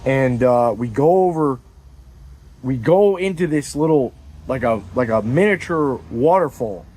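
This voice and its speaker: A man telling a comedic story in casual chat, animated and profane, acting out scenes with sound effects and quoted lines. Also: mid-range voice, unhurried, poor audio.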